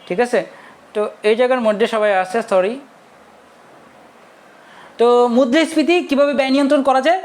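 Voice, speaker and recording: A young male teacher giving a casual online lecture, chatty and forever checking whether his students have understood. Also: extremely high pitch. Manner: chatty, keeps asking students if they understood.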